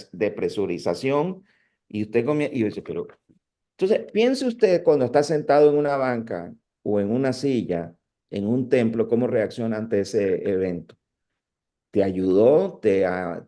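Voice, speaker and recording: Mellow-voiced man lecturing on preaching. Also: mid-range voice. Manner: animated, conversational, with frequent restarts. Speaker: preaching professor.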